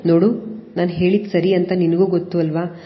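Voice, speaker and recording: A woman's voice: on the low side, level tone, moderate pace, close to an everyday voice. Woman reading as a remorseful pleading young man. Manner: pleading, apologetic. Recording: dull lo-fi audio with long reverb.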